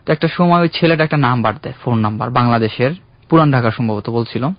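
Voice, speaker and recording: A young man calling in to a radio show, earnestly recounting his own love story in a halting, heartfelt way. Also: mid-range voice, dry recording. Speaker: caller. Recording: dull, dry radio studio sound.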